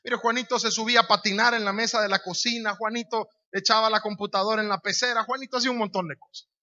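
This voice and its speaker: Honduran male preacher, high bright voice, emphatic sermon delivery, dull lo-fi recording. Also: fairly even intonation, fast. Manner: emphatic, repeats key phrases, rhetorical questions.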